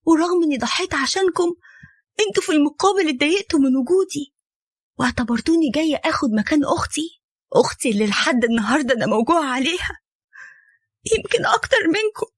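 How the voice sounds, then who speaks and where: A woman's voice: sits high, animated, fast talker, dry recording, clean studio sound. A woman voicing a heartbroken young woman with an Egyptian accent who speaks with pleading and reproach. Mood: reproachful. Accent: Egyptian Arabic.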